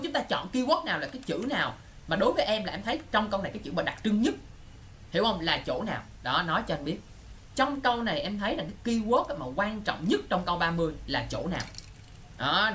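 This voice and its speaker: This lively online English exam lesson comes from a man whose voice sits high with a fairly bright tone, against slight background noise. He checks in constantly, using quick questions to see that students follow.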